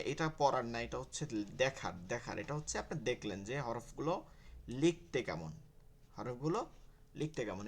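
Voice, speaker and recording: A man teaching an online Quran pronunciation class, patiently repeating sounds and checking in with his students. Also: mid-range voice. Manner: patient, repeats letters and asks "okay?" often.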